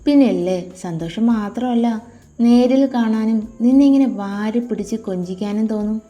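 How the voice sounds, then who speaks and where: A woman's voice: fairly high pitch, moderate pace, warm tone, close to an everyday voice. A woman voicing a sweet-talking young man who dotes on his fiancée, tender and coaxing.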